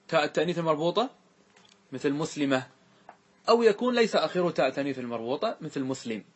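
Husky man teaching grammar. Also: a little high. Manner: questioning, checks understanding often. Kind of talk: classroom grammar lesson.

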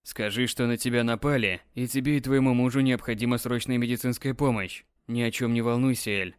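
Man doing a calm, controlling husband. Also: mid-range voice, fairly quick, smooth, no echo, studio quality, natural voice. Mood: insistent. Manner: firm, soothing yet commanding. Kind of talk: audiobook character reading.

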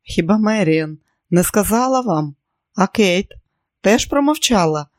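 Reader doing a calm older doctor, sorry and steady, dry close sound. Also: medium pitch, no room sound, pitched above the performer's own voice, lightly acted. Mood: regretful. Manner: measured, regretful.

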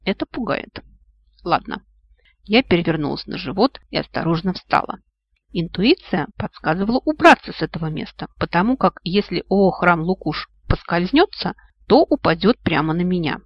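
An audiobook reader narrates a first-person fantasy story with lively delivery, lifting the voice for exclamations. The recording sounds muffled and dull, with no room echo at all. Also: medium pitch, normal speed. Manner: lively, exclaims in the heroine's quoted lines.

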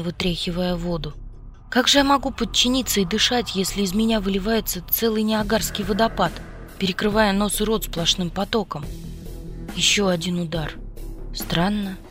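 A woman's voice: mid-range voice, a bit bright. A woman narrating a story in the first person, in an intimate storytelling manner. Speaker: audiobook reader. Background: faint music.

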